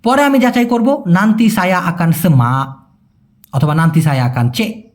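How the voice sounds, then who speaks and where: A man giving a casual language lesson, patiently repeating phrases slowly and asking if it is clear. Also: sits high. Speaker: language teacher.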